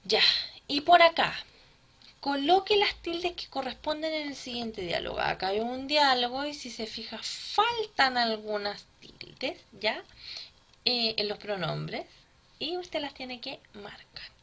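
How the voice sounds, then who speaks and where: A woman teaching a grammar lesson to children, patient and often checking with a quick "¿ya?". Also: high-pitched, big pitch swings, fairly bright tone.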